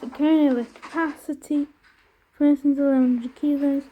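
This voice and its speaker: A woman's voice: high-pitched, steady tone, normal speed, highs cut off, a little hiss or hum. A woman giving a casual running commentary in clipped, fragmentary remarks as a tour presenter.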